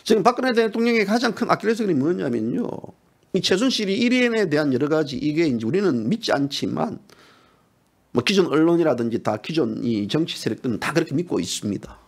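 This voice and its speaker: A man giving impassioned political talk as a party politician. He talks emphatically, repeats himself and rises into high pleading tones. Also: animated, fast talker, gravelly.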